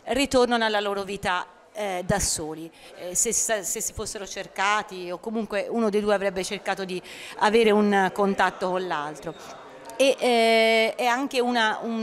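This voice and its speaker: A woman with a medium-pitched voice works as an interpreter. She relays an explanation hesitantly, assembling each sentence as she speaks. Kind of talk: spoken consecutive interpreting.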